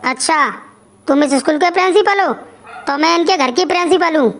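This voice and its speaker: A bossy scolding cartoon wife, high-pitched. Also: female voice, moderate pace. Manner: demanding, sharp scolding. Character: bossy scolding wife, young adult woman.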